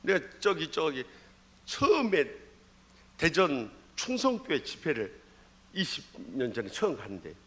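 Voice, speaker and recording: A middle-aged male pastor from Jeolla with a Jeolla accent, preaching a sermon in an animated storytelling manner, swinging between loud calls and low asides in a church. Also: unhurried. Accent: Jeolla Korean. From Jeolla, South Korea. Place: church sanctuary.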